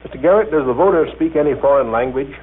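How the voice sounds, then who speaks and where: A man's voice: fairly high pitch, quick pace, breathy edge. A man presenting a scripted radio broadcast, asking formal, polite questions. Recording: tinny 1939 radio broadcast recording.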